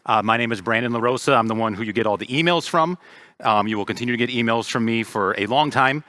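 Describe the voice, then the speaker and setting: A Florida man in his thirties, the league president, gives a friendly, casual talk to parents in a church hall using a handheld mic. His medium-pitched voice is sharp and fast, peppered with ums and uhs.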